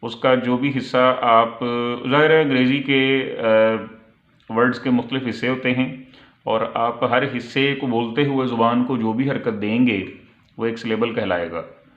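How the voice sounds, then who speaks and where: A man gives an online English lesson, patiently explaining multiple-choice questions, reading English phrases slowly and then translating them. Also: medium pitch, steady tone. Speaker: English teacher. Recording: echoey, tinny phone-like audio.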